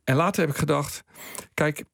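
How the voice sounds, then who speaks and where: A man with a gravelly, slightly high voice, dry and close in a radio studio. He tells his tale with life, chuckling along and putting on the voices of the people he met. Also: moderate pace, dry recording. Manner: lively, chuckling storyteller who acts out quoted voices. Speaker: guest telling his own story. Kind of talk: radio anecdote storytelling.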